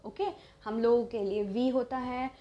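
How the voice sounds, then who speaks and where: A fairly high-voiced young woman with an Indian English accent gives a bilingual English lesson. She speaks slowly and deliberately and stresses each model sentence. She keeps checking in with her students as she goes. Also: fairly even intonation, warm tone, dull audio. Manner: mixes Hindi and English, checks in with "okay?" and "right?". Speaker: English teacher. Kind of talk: bilingual classroom-style lesson. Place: standing indoors in front of a wall.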